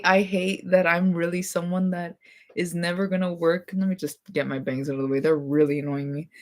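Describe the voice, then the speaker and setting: Young woman vlogger, deep voice with vocal fry, profane offhand chatter, kept quiet at home. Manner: blunt, profane, rambling; trying to talk quietly. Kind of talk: casual chat to camera.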